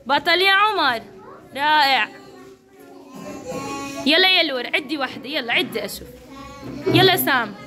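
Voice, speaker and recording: High-pitched encouraging Levantine woman teacher. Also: expressive, normal speed, long pauses, music in the background. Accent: Levantine Arabic. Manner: encouraging, coaxing, lots of praise. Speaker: kindergarten teacher. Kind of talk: classroom instruction to young children.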